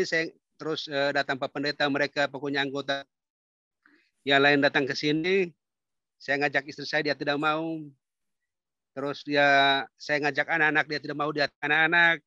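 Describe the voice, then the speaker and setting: A man giving a casual, halting testimony to a church group, repeating himself as he goes. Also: on the high side, bright, forceful tone, no room sound. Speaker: church member guest. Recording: dull dry sound.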